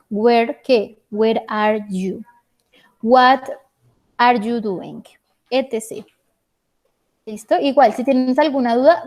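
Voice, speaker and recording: Woman, english teacher, online class, patient, asks questions, fairly high voice. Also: dark tone. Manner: patient, checks understanding with questions.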